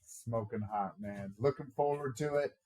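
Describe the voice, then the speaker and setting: A man's voice: mid-range voice, moderate pace, warm tone. A man hosting a podcast in a casual, upbeat and agreeable way, asking questions. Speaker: podcast host.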